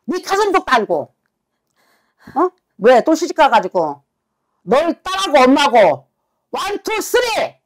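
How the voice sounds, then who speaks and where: A woman fortune teller tearing into a client with a high voice that swoops up and down. She swears freely, scolds without letting up, and keeps firing short demands for an answer. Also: sing-song, measured pace, pauses often. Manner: harsh, swearing, berating. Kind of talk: scolding a client during a consultation.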